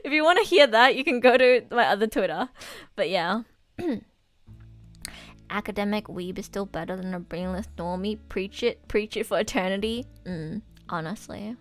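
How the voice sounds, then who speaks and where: A woman's voice: medium pitch, normal speed. Chatty young woman streamer, music behind. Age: young adult. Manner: chatty, bubbly anime-fan slang. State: recovering from oral surgery, stitches in mouth. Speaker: livestreamer and voice actor. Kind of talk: casual livestream chat with viewers.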